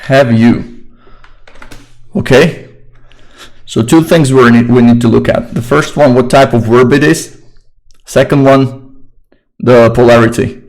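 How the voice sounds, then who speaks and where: A young man with a Slovak accent explains English grammar in a loose, informal way and often repeats himself. His voice sits at a mid pitch, and a keyboard clacks now and then behind him. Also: low-quality recording. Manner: relaxed, informal and chatty, repeats phrases. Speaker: English teacher. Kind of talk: casual online grammar lesson.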